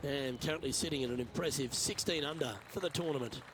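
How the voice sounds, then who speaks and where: A man playing a composed lead golf commentator, calling each shot in a measured broadcast style for a video game. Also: medium pitch, fairly bright tone, slight background noise, close to an everyday voice, low-quality recording. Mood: composed, engaged. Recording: crowd and outdoor ambience behind.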